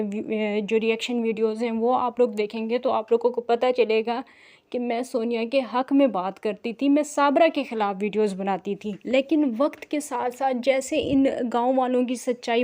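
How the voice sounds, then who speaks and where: A woman with a sore, scratchy throat, talking slowly and carefully to camera as a reaction channel vlogger, with frequent filler sounds. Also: on the high side, a little mellow. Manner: deliberately slow, careful speech with frequent fillers. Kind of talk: casual direct-to-camera commentary.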